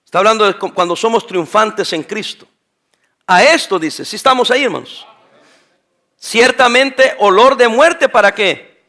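Emphatic male pastor, middle-aged, high bright preaching voice, rhetorical questions. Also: normal speed. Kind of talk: sermon.

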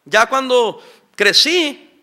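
A man's voice: extremely high pitch, lively intonation, drawn-out words, bright, forceful tone. A middle-aged man, a pastor preaching a sermon and asking his congregation for responses. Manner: preaching with call-and-response questions.

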